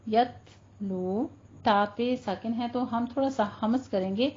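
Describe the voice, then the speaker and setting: A woman teaching Quran recitation rules, patiently explaining and drawing recited words out slowly. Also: a little high, darkish tone, muffled recording, a little hiss or hum. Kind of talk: tajweed lesson with slow recitation.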